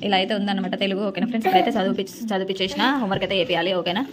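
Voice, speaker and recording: Brisk, bossy mother vlogging. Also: mid-range voice, little pitch movement, a crowd in the background. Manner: scolding, bossy with children. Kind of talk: casual home vlog. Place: home. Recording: noisy home recording.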